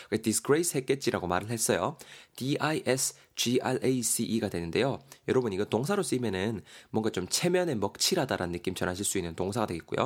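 A man teaching English words in a casual podcast lesson, acting out example dialogues with lively shifts in voice. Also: fairly low pitch. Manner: animated, acts out example dialogues.

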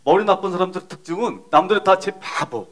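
Older guy on a talk show, rattles off stories fast, blunt and chuckly. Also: sits high. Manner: rapid, blunt and animated, chuckling. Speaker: guest, business consultant and writer. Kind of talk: casual talk show chat.

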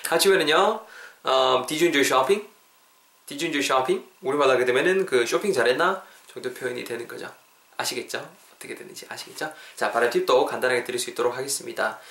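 A man hosting a podcast English lesson, lively and playful, drilling phrases over and over. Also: medium pitch, brisk, echoey room. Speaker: English teacher, podcast host.

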